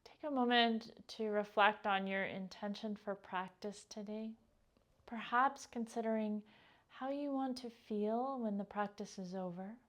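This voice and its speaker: A woman's medium-pitched voice guides a yoga meditation in an unhurried, gentle way, each phrase softly trailing away.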